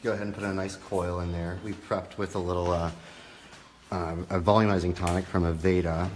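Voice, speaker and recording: A man's voice: low-pitched, level tone, brisk. A man giving a casual, slightly hesitant hairdressing demonstration. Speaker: hair cutter demonstrating. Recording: clear background salon noise.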